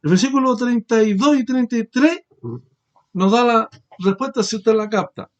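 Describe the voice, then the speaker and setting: Male pastor with a high voice, preaching with rhetorical questions and shifting force. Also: moderate pace, dull audio. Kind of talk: sermon.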